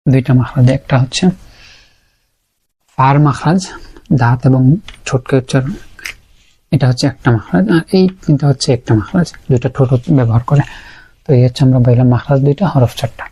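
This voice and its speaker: A man's voice: mid-range voice, a little fast, long pauses, mellow, breathy edge. A man teaching Quran pronunciation in a lesson, patiently repeating each sound to show it. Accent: Bangladeshi Bengali. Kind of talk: explanatory lesson.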